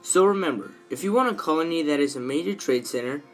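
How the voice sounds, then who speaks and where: A man reading a scripted infomercial-style sales pitch as its presenter. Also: lively intonation, quick pace, fairly bright tone, soft background music.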